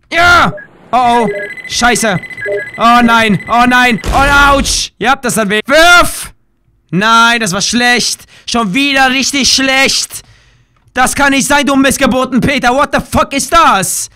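A man with a strikingly high voice hosts a let's play with excitable commentary. His tone is bright and cutting, and he shouts and yelps whenever something goes wrong. Between outbursts he rants and swears in a loose, casual way.

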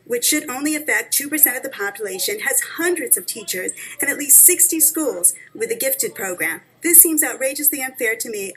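Breathy woman reading an urgent plea. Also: a little high, bright, forceful tone, poor audio. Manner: earnest, urgent advocacy. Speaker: parent speaking at public comment. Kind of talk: reading a prepared statement. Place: school board meeting hall, seated at a table. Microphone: table microphone.

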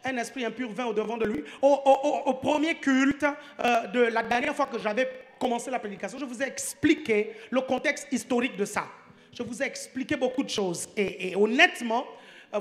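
A man's voice: extremely high pitch, normal speed, a bit bright. A man preaching a sermon in church, joking a lot and often asking the congregation whether they follow him. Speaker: pastor.

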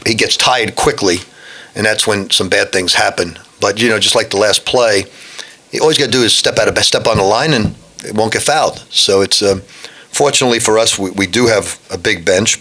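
Seated in a press room in front of a backdrop, a basketball head coach in his sixties talks into a desk microphone after a game. With a fairly low, sharp-toned voice and a brisk pace, he answers reporters bluntly and frankly, frequently starting his sentences over.

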